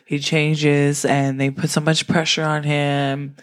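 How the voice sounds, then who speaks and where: A woman's voice: low-pitched, little pitch movement, takes it slowly. A young woman co-hosting a casual chat, blunt and profane, who often cuts in. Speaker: podcast co-host.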